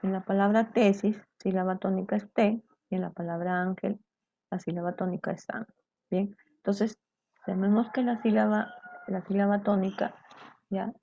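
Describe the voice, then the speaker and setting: Gravelly-voiced woman teaching a lesson. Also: mid-range voice, steady tone, moderate pace, dark tone, no echo. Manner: explanatory, checks in with "¿cierto?" and "¿bien?". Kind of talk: online grammar lesson. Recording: dull lo-fi sound.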